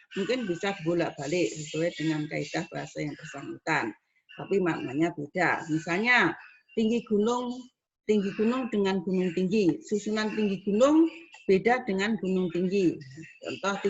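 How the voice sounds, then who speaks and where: A woman university lecturer teaching students, explaining step by step and acting out spoken examples. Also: on the low side. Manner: explains slowly with spoken examples, rising on questions. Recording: dull lo-fi recording with faint noise.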